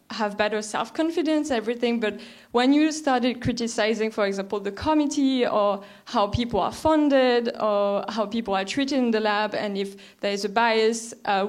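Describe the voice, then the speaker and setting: A young woman, a PhD student putting a question to a panel, hesitant and full of fillers. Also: fairly high pitch. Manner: hesitant, many fillers and restarts. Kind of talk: audience question at a panel discussion.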